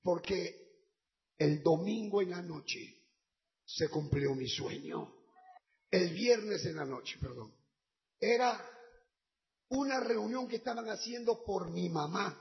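A middle-aged man, a pastor, preaching a testimony sermon and altar call, swinging between soft talk and shouting. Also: sits high, lively intonation, slow pace, creaky, long pauses, highs cut off.

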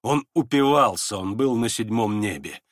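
A man narrating an audiobook of a classic novel in a dramatic, expressive reading. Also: mid-range voice, normal speed, dry recording, clean studio sound. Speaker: audiobook reader.

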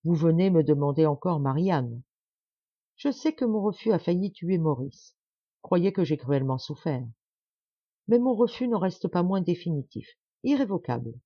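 A woman's voice: on the low side, lively intonation, moderate pace, breathy edge, dry recording, dull audio. A woman reading the part of a proud, stubborn middle-aged man who talks with insistent, forced cheer. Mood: earnest.

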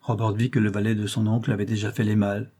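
A male narrator reads a classic novel aloud in a measured, steady storytelling voice. His tone is mellow and soft, with a husky edge to it. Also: lowish voice. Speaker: audiobook narrator. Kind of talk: audiobook reading of a classic novel.

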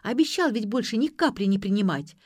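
A woman's voice: mid-range voice, animated, brisk, no room sound, studio quality, pitched above the performer's own voice, lightly acted. A woman voicing a brash, pushy young woman who talks in snappy, slangy retorts in an audiobook. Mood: prodding. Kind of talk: audiobook character voice.

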